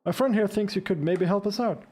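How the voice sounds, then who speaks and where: A man's voice: high-pitched, brisk, warm tone, husky, voice pushed up. A man voicing a guarded, suspicious woman in hiding, reading game dialogue aloud. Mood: businesslike, persuading.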